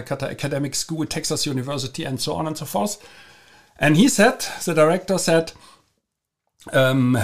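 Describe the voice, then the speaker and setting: A man speaks English with a German accent, his native German showing through as he hosts a casual podcast. His voice sits at an everyday middle pitch. He hesitates often, fills pauses with "uh" and "um", and fixes his words as he goes, with frequent light chuckles. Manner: halting, frequent fillers and self-corrections; chuckles often while explaining. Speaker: podcast host.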